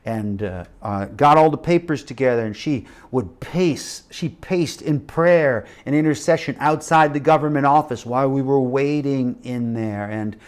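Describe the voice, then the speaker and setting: Middle-aged man, sermon storyteller, lively and dramatic, swings from loud to hushed. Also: mid-range voice, measured pace, few pauses. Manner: animated storytelling with acted quotes and shifting loudness. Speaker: missionary preacher.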